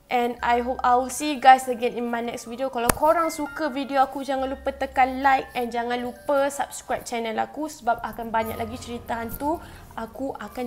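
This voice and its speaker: A woman with a Malaysian Malay accent, casually telling a ghost story to her viewers with chatty asides. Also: on the high side. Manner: chatty, addresses viewers directly with frequent asides. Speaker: YouTuber telling ghost stories.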